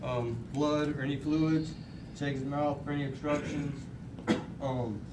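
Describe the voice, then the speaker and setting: A man's voice: fairly high pitch, fairly even intonation, measured pace. A man speaking as a paramedic trainee, reciting the procedural steps of a patient-assessment drill aloud. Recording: roomy, distant mic with clear background noise.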